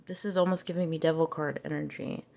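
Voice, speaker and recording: Low gravelly-voiced woman reading tarot. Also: steady tone, fast, darkish tone. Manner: musing, conversational, trails off and restarts. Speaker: tarot reader.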